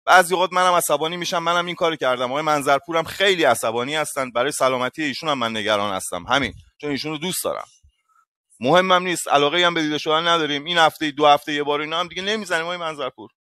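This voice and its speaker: A man hosting an online voice room, speaking in a measured, apologetic, placating way. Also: on the high side, pushed and bright, no room sound, studio quality. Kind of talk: calm conciliatory talk.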